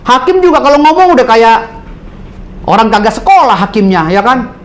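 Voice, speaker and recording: A man's voice: extremely high pitch, normal speed. A man, a lawyer answering interview questions in a heated, indignant way. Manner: indignant, animated, mimics others.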